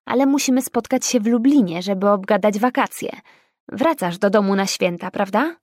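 A woman's voice: mid-range voice, lively intonation, normal speed, darkish tone, no echo, studio quality, natural voice. A woman voicing a teasing, domineering young woman who needles her old friend with ironic, pushy remarks.

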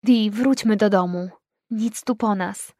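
Kobieta czytająca kwestie młodej przyjaciółki, mówi cicho, powoli i łagodnie, niemal szeptem. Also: female voice, mid-range voice, no room sound, clean studio sound. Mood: smutna, kojąca. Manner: soft, hushed, slow speech. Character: gentle, worried young woman friend.

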